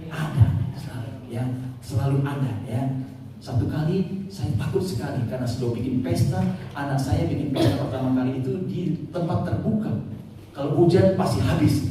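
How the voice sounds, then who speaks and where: A man preaching a sermon with storytelling, animated, jumping high and dropping low as he tells it, now and then singing a line. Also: moderate pace. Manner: animated, voice leaps high for quoted speech and drops low, breaks into short sung lines. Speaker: pastor. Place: church hall. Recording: very echoey hall, voice from far off, faint room noise.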